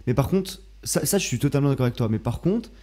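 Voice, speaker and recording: A young man in a relaxed podcast chat, chiming in with quick agreeable replies and his own points. His tone is warm and mellow, at a middle male pitch. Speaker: podcast co-host. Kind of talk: casual podcast discussion.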